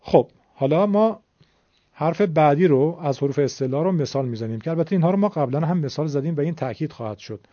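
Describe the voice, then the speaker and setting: Iranian teacher guy explaining tajweed step by step, kinda high voice, flat dull recording. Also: no echo. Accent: Iranian Persian. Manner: patient, explanatory, repeats key points. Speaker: Quran recitation teacher. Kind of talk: tajweed lesson.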